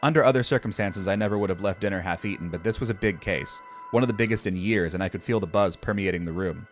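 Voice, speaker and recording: An older man gives wry, profane horror story narration. His voice sits deep and low. Faint eerie music plays underneath. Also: quick pace.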